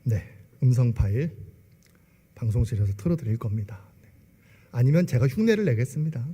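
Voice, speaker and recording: A man's voice: mid-range voice, lively intonation, a little fast, dark tone, husky. Man in his 40s giving a church testimony, voice swings up and down a lot, big echoey sanctuary. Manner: asks the congregation rhetorical questions. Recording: long echo of a large hall.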